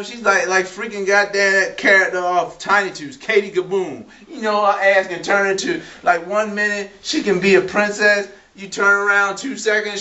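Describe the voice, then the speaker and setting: A man hosting his own vlog in a loose, comedic rant. He rambles, swears freely and keeps saying "I mean" and "you know". His voice is fairly high and bright, caught by a camera mic set back from him. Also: distant mic, lo-fi sound. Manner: profane and animated. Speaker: vlog host.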